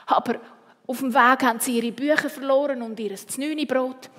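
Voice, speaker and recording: A woman reading a children's story aloud in a family church service, animated. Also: high voice, moderate pace. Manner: animated, does many character voices. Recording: long church reverb.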